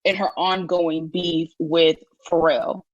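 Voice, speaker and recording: A woman's voice: sits low, level tone, slow, no echo. Woman co-host, casual chat, emphatic and opinionated, dry lo-fi sound. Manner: opinionated, emphatic, with frequent restarts. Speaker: podcast co-host.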